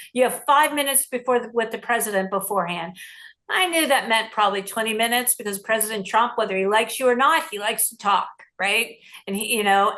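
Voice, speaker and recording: Storytelling woman journalist, higher voice. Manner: animated storyteller acting out quoted lines. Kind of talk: recounting a story in an interview.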